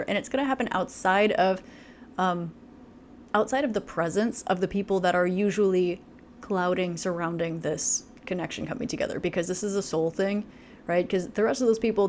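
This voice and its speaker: A woman's voice: mid-range voice, a little mellow, a little hiss or hum. A woman giving a casual tarot reading to camera, chatty and full of fillers, laughing often. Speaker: tarot reader.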